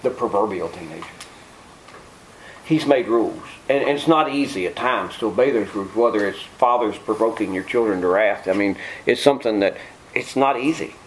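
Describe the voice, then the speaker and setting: A man's voice: fairly low pitch, brisk, rough recording. Man, middle-aged, folksy sermon, joking asides, faint ambient noise. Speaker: preacher. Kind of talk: informal sermon.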